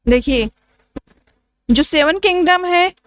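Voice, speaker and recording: A woman's voice: extremely high pitch, slow. A woman teaching an exam-prep literature lesson, asking questions and answering them herself, repeating key points and reading English lines into her explanation.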